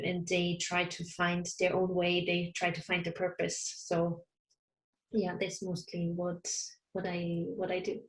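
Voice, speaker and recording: Over a video call with a roomy echo, an Austrian online counsellor whose first language is German speaks English in a casual interview. Her fairly low voice is soft and a little hesitant, broken by frequent small laughs.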